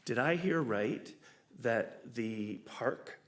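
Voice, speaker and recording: A man's voice: mid-range voice, expressive, extremely slow. A man speaking as a resident at a council meeting, polite and conciliatory. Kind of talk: public comment at council meeting. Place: council chamber.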